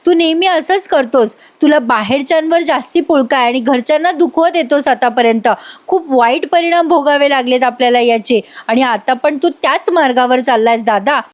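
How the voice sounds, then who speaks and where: Woman voicing reproachful young sister, light high voice. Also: moderate pace, hardly any pauses, lightly acted. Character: young woman defending her sister-in-law.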